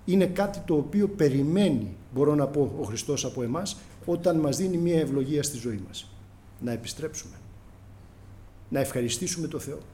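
A middle-aged male preacher delivers an impassioned sermon, his somewhat high voice swinging widely in pitch as he acts out prayers and exchanges. The tone is mellow and dark rather than bright. He keeps calling out to the congregation as brothers. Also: expressive.

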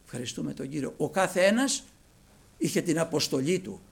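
A man preaching a sermon to his congregation with passion, dropping to a hush and then rising to loud exclamations. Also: a little high, expressive, gravelly, breathy edge. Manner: impassioned, swinging from hushed to loud.

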